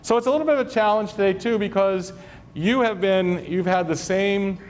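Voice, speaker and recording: This man's voice sits high and keeps a moderate pace. He's a school superintendent from Maine at a staff convocation in a large hall, bantering with the live audience and joking at his own expense.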